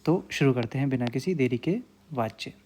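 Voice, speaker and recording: A man's voice: mid-range voice, expressive, normal speed, a little mellow, slight background noise. A man teaching a grammar lesson, explaining patiently with lots of repetition and frequent check-ins with his students.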